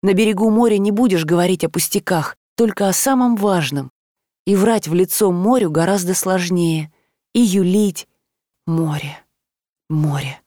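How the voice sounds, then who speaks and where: A woman narrating an audiobook in an expressive, emotional reading. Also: mid-range voice, normal speed, dry recording. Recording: dry close studio sound.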